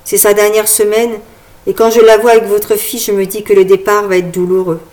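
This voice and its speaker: A woman's voice: medium pitch, flat delivery, brisk, a little mellow, lightly acted. A woman voicing a teasing young father in an audiobook, light and bantering in tone.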